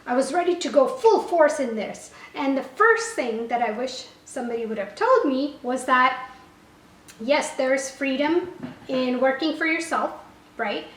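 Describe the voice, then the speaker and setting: A woman whose first language is Gujarati, an online language teacher and business owner, gives casual advice to camera, saying "you know" a lot and often correcting herself. Her high voice has lively intonation and a measured pace. The room echoes and she's a little far from the mic.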